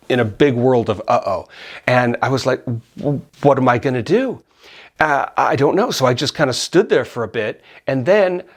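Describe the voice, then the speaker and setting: A middle-aged man casually telling a personal story, animated and often laughing as he acts out his own yells. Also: medium pitch.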